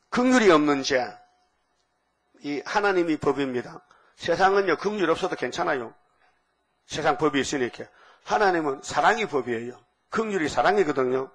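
A man's voice: a little high, a bit bright, husky. An older man preaching a sermon in a folksy, storytelling way, acting out the dialogue between his characters and chuckling often.

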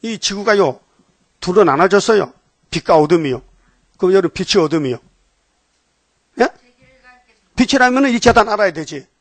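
A male pastor delivers an emphatic sermon, repeating his key words and putting rhetorical questions to the congregation. His voice sits fairly high. The recording is dry and close. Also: expressive, normal speed, pauses often, no room sound.

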